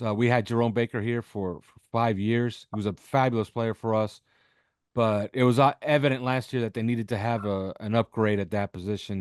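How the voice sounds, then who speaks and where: Fairly low in pitch and darkish in tone, a man ad-libs sports analysis on a football podcast, hammering home his points and checking in with quick questions. The studio sound is clean with no echo.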